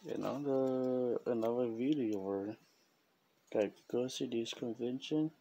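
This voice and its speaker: A man's voice: medium pitch, mellow, highs cut off. A man casually showing a collection of business cards and stickers to the camera, rambling and chuckling now and then. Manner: slow, rambling, chuckles often. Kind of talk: casual show-and-tell vlog.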